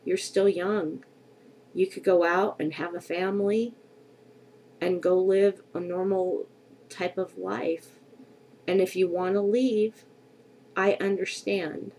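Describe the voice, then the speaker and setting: A middle-aged woman, congested from a cold, vlogs to her webcam from her bedroom at home, speaking candidly and reflectively with many hesitations. Her fairly low voice holds a steady tone and a darkish quality, moving slowly with long pauses. The webcam sits at desk distance, and the audio is poor.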